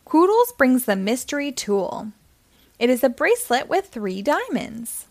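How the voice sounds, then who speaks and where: Reading to small children, a high-voiced woman tells the story slowly and expressively, keeping her wording simple.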